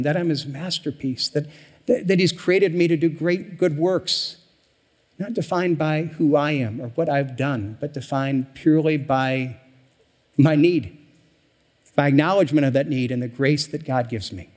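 A male pastor delivers his sermon in a chatty, unpolished way, full of "you know" and false starts. His voice sits at a middle pitch. The sound trails off into a long, echoing sanctuary reverb. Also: darkish tone. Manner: conversational, many fillers and restarts. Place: church sanctuary.

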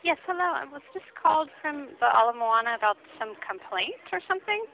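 A woman's voice: high voice, lively intonation, quick pace, slight background noise. A woman who works as a store manager, heard over the phone, talking in a polite and puzzled way and asking questions. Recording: muffled phone line.

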